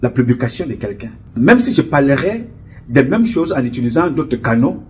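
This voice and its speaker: A man's voice: medium pitch, sing-song, a little hiss or hum. Solemn man addressing his followers. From Cameroon. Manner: solemn, measured, rhetorical, repeats and lists words. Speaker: association spokesman addressing followers. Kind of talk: direct-to-camera address. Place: indoor studio with camera crew.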